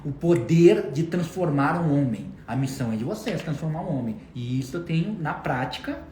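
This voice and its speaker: A man co-hosting a casual chat, speaking in a relaxed, joking way. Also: fairly high pitch, normal speed. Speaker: co-host. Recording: echoey room, faint background noise.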